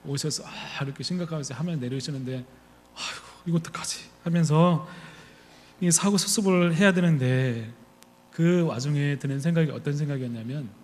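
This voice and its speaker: A male pastor delivers a sermon in a slightly high voice. He tells stories and voices his own inner thoughts along the way. A long reverb hangs on his words, as in a church hall. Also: normal speed, a little mellow, a little hiss or hum. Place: church sanctuary.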